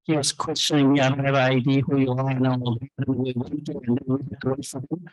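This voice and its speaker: Fielding questions from the audience, this South Korean startup chief in his fifties rambles candidly, with lots of fillers and restarts. He talks fast at a medium pitch with a level tone. He is the company's founder and CEO speaking at an event, and the low-quality recording has no room sound.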